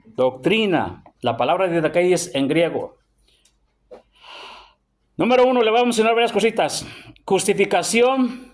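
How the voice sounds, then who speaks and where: A middle-aged man with a Mexican accent teaching a sermon, who asks the congregation questions and tags his lines with "brother", and who slows right down to read verses. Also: high-pitched. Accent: Mexican Spanish. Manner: call-and-response, tags lines with "hermano"; slow emphatic verse reading. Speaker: preacher.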